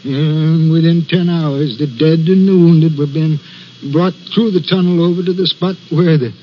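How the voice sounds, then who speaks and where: A man voicing a jittery railway signalman in a vintage radio thriller, his pitch running high for a man. He stumbles over his words as he recounts the story. The recording is dull and muffled, with a faint hiss. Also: steady tone, natural voice. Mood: haunted. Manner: halting, stammering storyteller. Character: haunted, nervous railway signalman. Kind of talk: 1940s radio acting.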